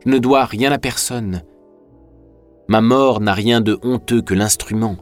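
A man's voice: fairly low pitch, a little slow, soft background music, close to an everyday voice. A man voicing a proud, bitter young prisoner who speaks scornfully.

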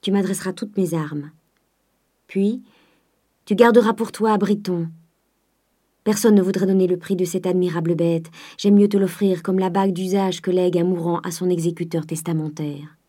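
A woman reading a proud young gentleman. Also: on the low side, fairly even intonation, moderate pace, natural voice. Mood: formal. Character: young gentleman cousin, ruined, proud, earnest.

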